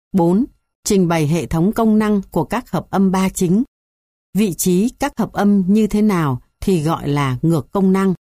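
A woman with a somewhat low voice reads a theory textbook aloud. She moves through numbered points in a steady, measured way. The sound is dry and close, with no room echo. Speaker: textbook reader.

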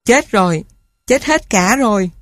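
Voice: mid-range voice, lively intonation, unhurried, fairly bright tone, no echo, pitched above the performer's own voice. A narrator doing a frail, weeping young girl. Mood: despairing. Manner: weak, breathy, tearful.

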